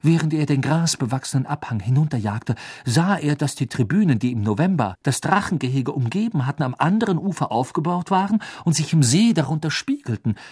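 A man reading a novel aloud as an audiobook narrator, telling the story in a lively way and voicing the characters' quotes. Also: on the high side, a little fast, hardly any pauses, breathy edge, dry recording, clean studio sound.

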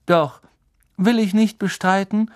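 A man voicing a calm, weary middle-aged teacher in a storybook reading, speaking gently and carefully. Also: sits high, slow, pitched above the performer's own voice.

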